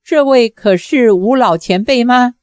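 一位女性朗读者演绎一位彬彬有礼的年轻男侠客，语气恭敬沉稳。. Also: female voice, on the high side, unhurried, dry recording, studio quality, close to an everyday voice. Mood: courteous. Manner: polite, steady. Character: courteous young male swordsman hero. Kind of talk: audiobook character voice.

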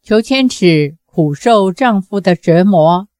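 A woman reading a novel aloud as a measured, deliberate narrator. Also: medium pitch, expressive, darkish tone, no echo. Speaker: audiobook reader.

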